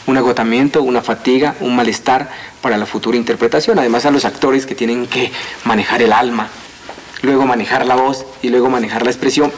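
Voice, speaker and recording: A man's voice: medium pitch, slight background noise. A man, a voice coach, explaining his craft in an earnest, lecturing way. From Colombia. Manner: earnest, lecturing, lists things out. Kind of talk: TV interview.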